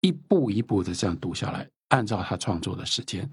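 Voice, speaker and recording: Very husky, lively man in his fifties. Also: low-pitched, a little fast, no room sound, studio quality. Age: 50s. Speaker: author and lecturer guest. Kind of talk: reflective interview talk.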